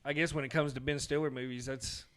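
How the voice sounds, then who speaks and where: A young man with a clear, smooth voice trades relaxed banter as a podcast co-host. He talks loosely and jokes around. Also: medium pitch, fast talker. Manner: laid-back, joking banter. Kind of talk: casual chat.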